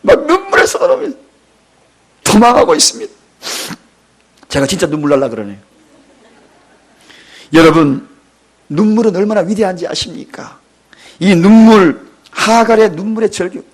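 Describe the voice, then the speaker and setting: A man in his fifties, a pastor preaching a sermon in a church, dramatic and emotional, with sudden loud outbursts and tearful cries. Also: high voice, animated, moderate pace, pauses often. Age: 50s. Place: church sanctuary.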